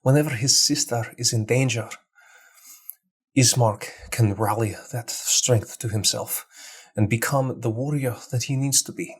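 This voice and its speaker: A man who hosts a game master channel, calmly explaining how he portrays characters in his tabletop campaign. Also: mid-range voice, a little slow, breathy edge.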